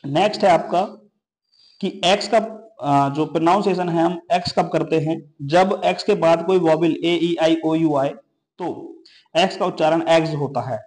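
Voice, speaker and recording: A man's voice: fairly high pitch, measured pace, darkish tone. A man teaching an English pronunciation lesson, explaining each rule and then listing example words one by one.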